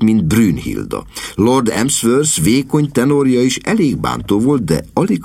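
A man narrating an audiobook in an expressive, droll way. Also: lowish voice, no echo.

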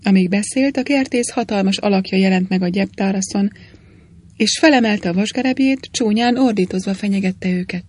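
A woman narrating a story aloud at a steady, even pace. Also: medium pitch. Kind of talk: storybook reading.

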